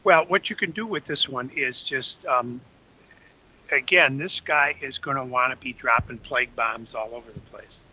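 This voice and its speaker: A man with a medium-pitched, slightly rough voice speaks at a moderate pace with a sharp tone. As an older brother, he casually walks his younger brother through game strategy step by step while chewing candy. The recording sounds dull and lo-fi, with faint music behind him.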